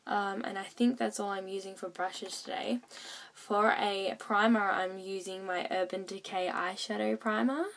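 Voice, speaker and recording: Croaky woman with a cold. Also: mid-range voice, fairly even intonation, moderate pace, a bit bright, a little hiss or hum. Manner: hesitant, many fillers. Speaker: beauty vlogger. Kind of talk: casual makeup tutorial.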